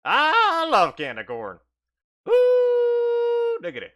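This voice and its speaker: A folksy old prospector, put on by a woman in a tabletop game, eager and drawling. The voice is bright and swings widely in pitch. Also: huge pitch swings, takes it slowly, exaggerated voice. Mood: gleeful. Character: folksy old prospector type, eager, candy-corn loving.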